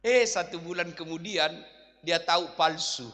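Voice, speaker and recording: A male Islamic preacher giving a humorous sermon, telling jokes and stories and sometimes shouting to the crowd. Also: a little high, unhurried, noisy background. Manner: animated storytelling, jokes, bursts of shouting. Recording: reverberant hall.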